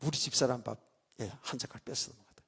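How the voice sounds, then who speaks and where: A man's voice: mid-range voice, steady tone, fast, creaky, fairly bright tone, slightly rough. A middle-aged man preaching a sermon as pastor in a church, talking casually with the congregation and joking in asides. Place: church sanctuary.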